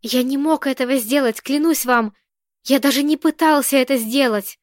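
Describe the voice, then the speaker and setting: A woman's voice: sits high, normal speed, no room sound, studio quality, lightly acted. A woman reading the part of a desperate, pleading man in an audiobook, her voice raised and emotional. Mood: indignant. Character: desperate pleading middle-aged man, hostage-taker.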